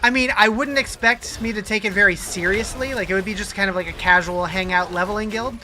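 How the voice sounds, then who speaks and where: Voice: mid-range voice, brisk, bright, forceful tone, a little hiss or hum. A game streamer chatting casually and answering viewers' questions in a conversational way. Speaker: livestreamer. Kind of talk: casual live-stream chat while gaming.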